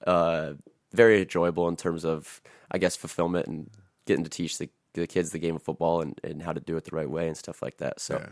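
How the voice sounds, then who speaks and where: A man's voice: low voice, fairly even intonation, fairly quick, no echo, clean studio sound. A man with an American accent, a youth football coach, telling coaching stories in an easygoing way with lots of fillers. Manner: easygoing, filler-heavy storytelling. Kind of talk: casual podcast conversation.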